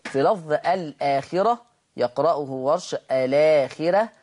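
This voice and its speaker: Egyptian guy teaching recitation on tv, middle-aged, fast explaining, slow drawn-out chanted examples. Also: on the high side, a little mellow. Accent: Egyptian Arabic. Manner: explains quickly in a mix of dialect and formal Arabic, then slowly chants example words. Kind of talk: televised Quran recitation lesson.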